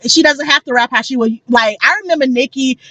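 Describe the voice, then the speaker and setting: High-pitched twenty-something woman cohosting, cussing and ranting, dry close sound. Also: a little fast, sharp tone, no echo. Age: 20s. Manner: passionate, profane ranting. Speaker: podcast co-host. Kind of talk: casual chat.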